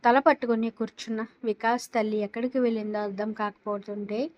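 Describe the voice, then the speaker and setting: A woman narrating a romance story in a steady, dramatic reading style. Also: on the high side, fairly quick, no echo, highs cut off.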